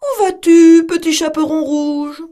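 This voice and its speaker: A woman doing a loud, sly big wolf. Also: very high-pitched, unhurried, voice pushed up. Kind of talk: storybook reading.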